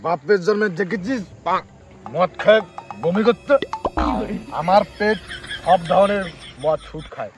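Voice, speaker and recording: A man's voice: high-pitched, a little slow, long pauses, music in the background. A man playing a boastful drunk picnicker in a comedy sketch, with drunken, bragging talk.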